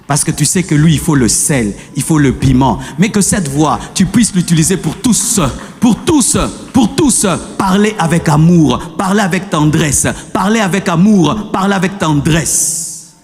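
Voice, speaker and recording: A man preaching a sermon as pastor, shifting between gentle teaching and shouted exhortation. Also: on the high side, lively intonation, unhurried, breathy edge, long reverb tail. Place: church.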